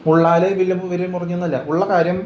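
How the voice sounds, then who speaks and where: A man's voice: high voice, monotone, very fast, a little mellow. A man talking casually but insistently, lecturing and asking rhetorical questions. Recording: roomy echo with faint ambient noise.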